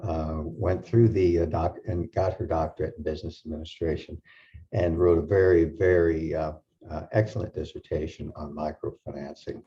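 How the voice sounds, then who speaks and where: A man moderating a panel discussion, halting with many fillers and restarts. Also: extremely low pitch, steady tone. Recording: dull lo-fi sound.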